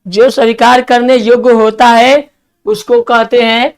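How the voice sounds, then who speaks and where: Male vocabulary teacher, clear resonant delivery, spelling letter by letter, hurrying his class along. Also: very high voice, flat delivery. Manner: spells words letter by letter, coaxing students to write fast.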